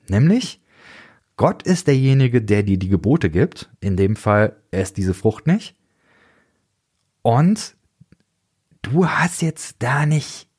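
A man hosting a reflective solo theology podcast, lively and often mimicking strict voices to make a point. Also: medium pitch, breathy edge. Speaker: podcast host.

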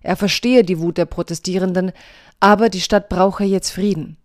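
Woman, podcast essayist: slightly low voice, measured and earnest scripted reading, dry close recording. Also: fairly even intonation, dry recording.

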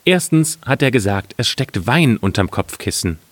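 A man's voice: medium pitch, very animated, moderate pace, no room sound. A man reading a fairy tale aloud, voicing a sly, cunning poor peasant in a slightly raised voice.

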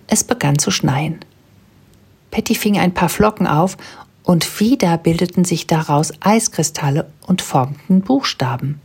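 Low, husky woman reading a storybook. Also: lively intonation, measured pace, a little mellow. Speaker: narrator. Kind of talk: scripted storybook narration.

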